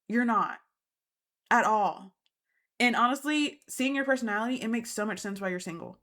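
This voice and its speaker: Emphatic woman host, slightly high voice. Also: brisk, a bit bright. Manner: indignant, emphatic, repeats for emphasis. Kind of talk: reality TV recap commentary.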